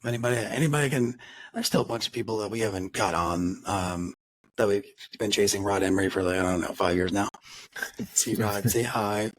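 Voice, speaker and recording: A man's voice: fairly low pitch, a little fast, no echo, low-quality recording. A man co-hosting a car podcast, chatting casually and rambling, with frequent restarts and acted-out quotes. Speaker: podcast co-host. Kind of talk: casual chat.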